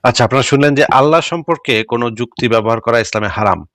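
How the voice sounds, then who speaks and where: A man hosting a live stream, commenting quickly and mockingly with rhetorical questions. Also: mid-range voice, a bit bright, no echo, studio quality.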